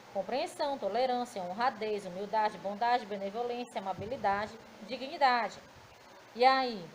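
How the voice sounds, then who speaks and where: A woman's voice: a little high, darkish tone, slight background noise, low-quality recording. A woman with a Brazilian Portuguese accent teaching a grammar lesson to children, recorded in a classroom, explaining patiently and often checking understanding.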